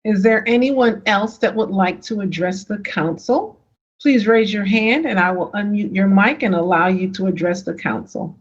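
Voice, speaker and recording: A woman's voice: medium pitch, normal speed. A woman moderates a council meeting, reading questions and calling on speakers. Her tone is polite and formal. The audio is dull and lo-fi.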